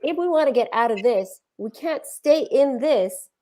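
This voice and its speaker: A woman giving a conversational talk on healing, animated and acting out quoted feelings as she speaks. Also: high-pitched, moderate pace.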